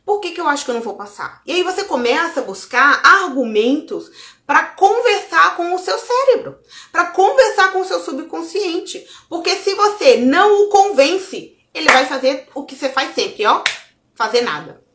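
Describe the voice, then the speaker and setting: Lively Brazilian woman in an echoey room. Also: very high voice, normal speed. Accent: Brazilian Portuguese. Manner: expressive, acts out inner dialogue, addresses viewers as gente. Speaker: self-development speaker. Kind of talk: casual motivational talk to viewers.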